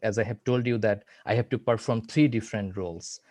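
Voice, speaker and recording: A low-voiced man talks in a measured, halting way, circling back on words before he lands a point. The sound is dry and close, with no room behind it. He speaks as a student panelist sharing advice. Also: fairly even intonation, a little mellow, no echo. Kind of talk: online panel talk.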